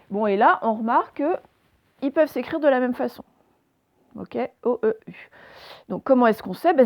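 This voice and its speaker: A woman teacher giving a recorded reading lesson, speaking slowly and clearly, asking questions and then answering them herself. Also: on the high side, dry recording. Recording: dry, dull lo-fi recording.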